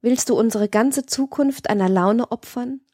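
A woman's voice: on the high side, unhurried, darkish tone, husky, no echo, clean studio sound, voice pushed up. A woman reading a pleading, lovesick young man. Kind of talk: audiobook reading of a classic novel.

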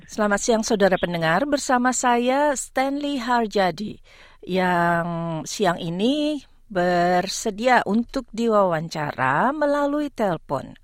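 A woman hosting a radio interview conversationally, putting her questions in an unhurried way and often rephrasing them. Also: medium pitch, lively intonation, dry recording, clean studio sound.

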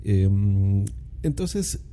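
A man's voice: on the low side, very animated, drawn-out words, dark tone. A man talking casually on his podcast into a condenser mic at home, explaining things in a chatty way with lots of "eh" and "¿no?". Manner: chatty, explanatory, frequent filler "eh" and "¿no?". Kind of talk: casual solo podcast talk. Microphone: condenser microphone.

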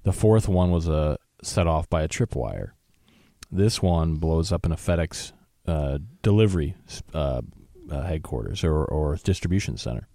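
A man's voice: rumbling low, lively intonation, moderate pace, creaky, warm tone, dry recording, studio quality. A man co-hosting a talk show, discussing the news in a loose conversational way with many fillers and restarts. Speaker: co-host.

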